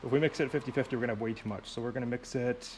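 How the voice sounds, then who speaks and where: A man talking through a repair in his home workshop, rambling and cracking jokes at himself as he goes. His voice sits at an ordinary middle pitch, with a faint hiss of noise under it. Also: steady tone, racing, a little mellow. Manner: rambling, jokey, talks to himself while working. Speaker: DIY video host. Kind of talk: casual workshop how-to.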